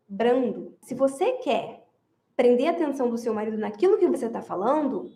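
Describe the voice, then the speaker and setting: A woman's voice: high-pitched, echoey room. A woman giving marriage advice straight to her listeners, emphatic and repetitive, often leaning on a phrase again and again. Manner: emphatic, repeats phrases, addresses listeners directly. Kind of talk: advice talk to women.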